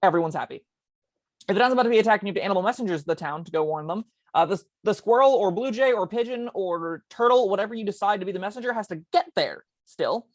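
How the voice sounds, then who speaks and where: A woman co-hosting a casual tabletop game podcast, talking in quick chatty bursts with plenty of ums. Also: mid-range voice, animated, no echo. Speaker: co-host discussing tabletop spells.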